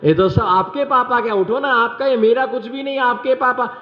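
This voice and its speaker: A nagging, anxious wife, as a male preacher puts her on, pitched high and pleading over and over. The sound is dull and echoes through a big hall. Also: normal speed. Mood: insistent. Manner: insistent, repeating urgent pleas.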